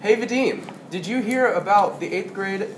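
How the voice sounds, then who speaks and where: A man's voice: sits high, normal speed. A male host reading school announcements in a casual, chatty way, sometimes correcting himself. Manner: informal, chatty, self-correcting. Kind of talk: casual scripted announcements with ad-libs. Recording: echoey room, clear background noise.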